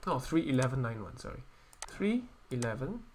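A man teaching an engineering software lesson while hiccuping and coughing, often correcting himself and counting points aloud. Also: medium pitch, sing-song, moderate pace, slight background noise. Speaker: engineering tutor. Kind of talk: screen-recorded software tutorial.

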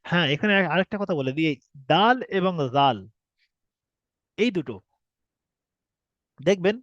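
In this recorded online class, a man patiently teaches the shapes and pronunciation of the alphabet, repeating himself and posing rhetorical questions. His voice is high-pitched and animated, a little slow, with a fairly bright tone. The recording is dry and the highs are cut off.

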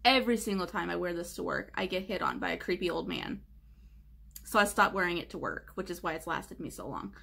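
A young woman vlogging casually about her makeup collection, chatty, with many "like" fillers and soft whispered asides. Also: on the low side, expressive, a little fast, gravelly, slightly rough. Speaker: beauty vlogger.

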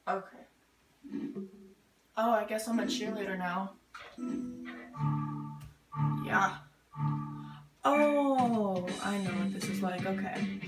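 A woman talks through a video game in a casual let's-play, impatient and quick to swear and mutter to herself. Her voice rings in an echoey room, and loud game music plays under it. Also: mid-range voice, level tone. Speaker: gamer.

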